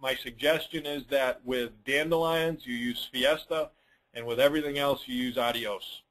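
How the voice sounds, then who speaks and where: On a dealer call he hosts, a lawn care business coach answers questions informally, giving plain-spoken advice and stressing key points. His voice is mid-range and fairly bright, with fairly even intonation and a moderate pace, in a low-quality recording.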